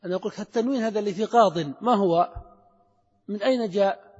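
A man's voice: high voice, very fast, darkish tone, breathy edge. A man teaching a grammar class, asking his students questions and repeating the key words. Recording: lo-fi recording with long hall echo.

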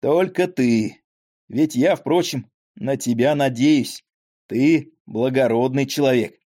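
A man's voice: medium pitch, slow, dark tone. A man voicing a frail, talkative old father with a weak voice and rambling folksy speech, in an audiobook. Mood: pleading.

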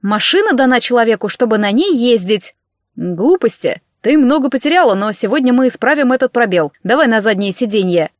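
A woman's voice: on the high side, expressive, a little fast, no echo, studio quality, close to an everyday voice. A woman voicing a cocky, carefree young man who teases his girlfriend. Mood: coaxing. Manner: carefree, teasing.

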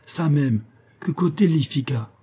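A man voicing an anxious, loyal forest guide with a French Guianese Creole accent, speaking in a hushed, halting way. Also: a little high, slightly rough, pitched above the performer's own voice. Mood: worried.

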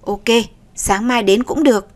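Woman reader as a brisk, plain-spoken neighbor lady, higher voice. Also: close to an everyday voice. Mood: matter-of-fact. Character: matter-of-fact woman running a savings circle.

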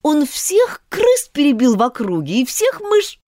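A woman's voice: high voice, huge pitch swings, a little slow, dark tone, dry recording, clean studio sound, pitched above the performer's own voice, full character voice. A woman reading an audiobook and voicing Alice, a polite, chatty little girl who pleads and apologizes. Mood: eager. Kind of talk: audiobook character voice.

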